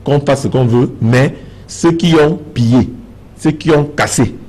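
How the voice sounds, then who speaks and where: A darkish, medium-pitched male voice, a little slow, belongs to a political party panelist with a Cameroonian French accent in a TV debate. Emphatic and insistent, he keeps repeating phrases to push his argument.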